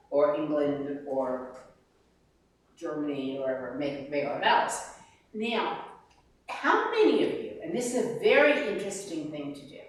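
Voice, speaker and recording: Woman vocal coach, unhurried, demonstrative, recorded from across a very reverberant room. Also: medium pitch. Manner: animated, demonstrates sounds and sung lines. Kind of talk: master class teaching. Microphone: distant room mic. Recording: very echoey room from far off.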